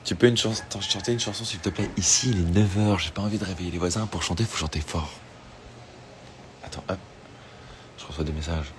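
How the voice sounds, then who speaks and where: On an Instagram live from somewhere open-air in Tahiti, a singer answers fan questions in a relaxed, chatty way, with plenty of fillers and false starts. His voice is low and brisk, broken by long pauses, with slight noise in the background.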